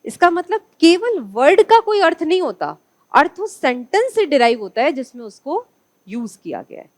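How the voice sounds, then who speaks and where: A woman's voice: high voice, very animated, moderate pace, no room sound. A woman from India teaching an online exam-prep class, asking her students questions and answering them herself.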